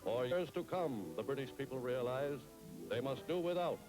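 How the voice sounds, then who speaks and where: A man's voice: medium pitch, normal speed. A man giving formal, declaiming narration on an archive newsreel soundtrack. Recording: old newsreel audio with loud music.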